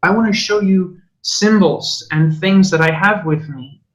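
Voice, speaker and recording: Man, higher register, earnest and passionate teacher in casual chat. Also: measured pace, fairly bright tone, lo-fi sound. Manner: earnest, passionate, occasional swearing. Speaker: spiritual teacher. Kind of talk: conversational podcast chat.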